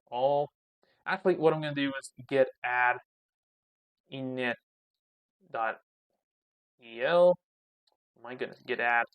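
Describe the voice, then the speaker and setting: A man's voice: mid-range voice, fairly bright tone, clear, resonant tone, dry recording. Man musing aloud over a coding screencast. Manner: thinks aloud while typing, mutters commands. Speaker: channel host. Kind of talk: casual coding screencast commentary.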